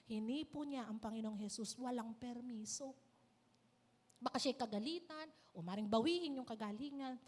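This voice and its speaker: A woman preaching at a church service with a high, bright-toned voice. She lurches from soft, hushed lines to loud bursts, asks her listeners rhetorical questions and keeps a polite, respectful address. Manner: swings between loud emphatic and soft lines. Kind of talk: sermon.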